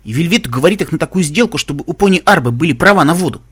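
A man's voice: fairly high pitch, expressive, rapid-fire, a bit bright, breathy edge, pitched above the performer's own voice. A man voicing a brash, cocky male pegasus pony who talks bluntly and teases his friends, in a storybook reading. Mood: firm.

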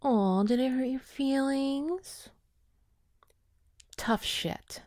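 A woman voicing a scornful young ex-girlfriend in an audio roleplay, with a mocking manner that often drops to a low whisper. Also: slow, darkish tone, no echo, studio quality.

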